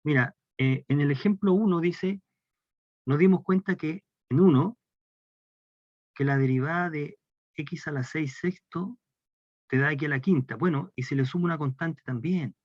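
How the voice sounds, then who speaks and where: A man's voice: fairly high pitch, normal speed, dry recording. A man lecturing on calculus with a Chilean Spanish accent, explaining step by step and posing questions to the class. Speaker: math lecturer. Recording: dry, dull lo-fi lecture recording.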